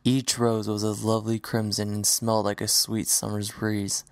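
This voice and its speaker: A man narrating a fan audio drama as a storybook reading in a steady, even manner. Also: fairly low pitch, normal speed, creaky, no echo. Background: faint music.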